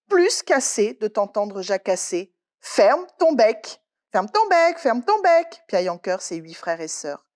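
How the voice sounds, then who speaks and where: A woman librarian reading a children's picture book aloud with expressive storytelling. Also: fairly high pitch. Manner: expressive, slow, lively delivery.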